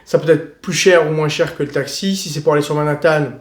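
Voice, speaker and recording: A male travel vlogger handing out tips in a slangy, blunt, joking way. His voice sits a bit high. The recording has a roomy echo. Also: fairly even intonation, a little fast. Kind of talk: casual advice vlog.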